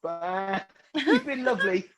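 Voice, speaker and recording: Self-mocking man in his forties, lively. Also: high voice, moderate pace, music in the background, poor audio. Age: 40s. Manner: crude, self-mocking, rambling delivery. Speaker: stand-up comedian. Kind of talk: stand-up set over a video call.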